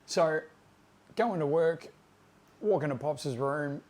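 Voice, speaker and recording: A man's voice: a little high, slow pace, darkish tone. A man, casually telling a profane, rambling anecdote about his tattoo mentor, full of fillers and asides. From Australia. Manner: laid-back, profane, conversational with fillers. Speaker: tattoo artist storyteller.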